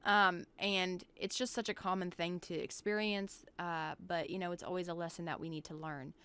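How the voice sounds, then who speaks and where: A woman's voice: lowish voice, fairly even intonation, normal speed, a bit bright, clean tone. A woman playing a news anchor in a roleplay game, speaking in a hesitant way with many ums and restarts. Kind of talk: role-play newscast and casual game chat.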